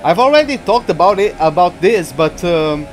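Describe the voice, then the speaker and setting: A young gaming streamer with a Portuguese accent, speaking English as a second language, rambles through live racing-game commentary and greets viewers. His high voice has lively intonation at a normal pace, with a little hiss or hum. He hesitates, restarts often, and uses many fillers.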